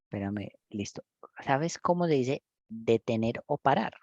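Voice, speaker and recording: A man's voice: mid-range voice, expressive, unhurried, a little mellow, no room sound, dull audio. A man teaching English in Spanish, patiently explaining pronunciation step by step and checking in often. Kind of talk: one-on-one online English lesson.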